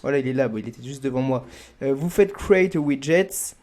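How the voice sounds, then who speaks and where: A man's voice: mid-range voice, fairly quick, a little mellow. A young man explaining a planning app in a casual tutorial, with frequent hesitations. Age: young adult. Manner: casual, many "euh" fillers, addresses viewers as "vous". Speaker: student fitness youtuber. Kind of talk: screen-recorded software tutorial.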